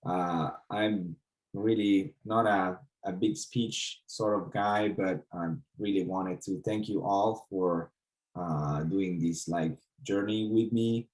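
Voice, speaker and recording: A man with a thick Italian accent, a coding bootcamp instructor giving halting, grateful closing remarks to his class. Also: low-pitched, fairly even intonation, darkish tone, low-quality recording. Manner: halting, many fillers, grateful.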